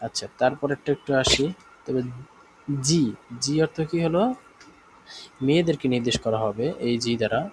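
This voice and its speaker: In this clip, a male instructor with a Bangladeshi Bengali accent runs a live German class online. He goes slowly, says things more than once, and often confirms that learners are following, using a mid-range voice against some background noise.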